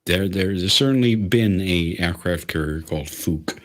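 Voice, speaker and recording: A man's voice: low-pitched, a little slow. A man hosting a livestream, rambling and ranting with lots of swearing. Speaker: livestream host. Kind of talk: casual livestream chat.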